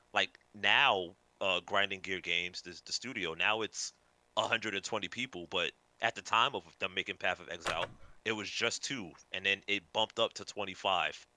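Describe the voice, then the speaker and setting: A man's voice: low voice, pushed and bright, no echo. A man co-hosting a casual podcast, talking emphatically through points from his notes. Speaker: podcast co-host.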